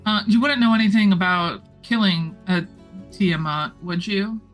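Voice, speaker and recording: A woman's voice: medium pitch, measured pace, faint music behind, rough recording. Dry, offhand woman playing a tabletop game. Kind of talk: casual in-character game banter.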